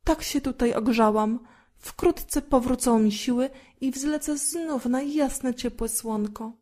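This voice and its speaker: A gentle, grateful swallow, put on by a woman reading a fairy tale. The voice is warm and kindly, lifted a little, with a mellow, dark tone. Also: sits high, slow pace. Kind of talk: storybook reading.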